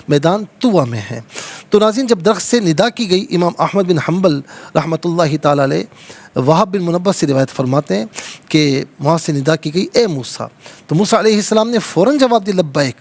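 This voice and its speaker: A man from Pakistan hosting a televised religious lesson, explaining verses and patiently correcting callers' recitation. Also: fairly high pitch. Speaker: Quran teacher and TV host. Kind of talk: religious lesson with live call-ins. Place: TV studio.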